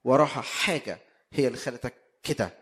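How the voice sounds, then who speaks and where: A man preaching a sermon with an Egyptian accent, emphatic and full of rhetorical questions, his voice swelling into loud bursts. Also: medium pitch, fairly quick. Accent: Egyptian Arabic.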